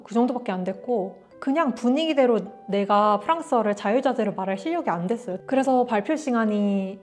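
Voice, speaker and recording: A young woman from Korea telling a story to camera in a casual vlog, acting out bits of dialogue as she goes. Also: medium pitch. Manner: animated, acts out dialogue in quotes. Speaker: vlogger.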